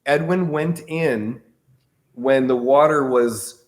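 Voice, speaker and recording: Slow-paced man hosting a casual chat. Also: mid-range voice. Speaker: podcast host.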